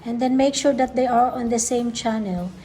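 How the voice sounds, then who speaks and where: Over background music, a childcare educator records a relaxed unboxing vlog, walking through it step by step in plain terms and repeating herself a lot. Her voice is a little high and warm, and she speaks at a moderate pace.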